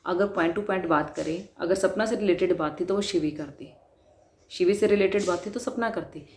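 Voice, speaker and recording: Low-voiced woman giving earnest commentary. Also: fairly quick, a little mellow. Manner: earnest, questioning, emphatic. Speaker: vlogger commenting on a controversy. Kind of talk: spoken commentary. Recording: roomy with faint noise.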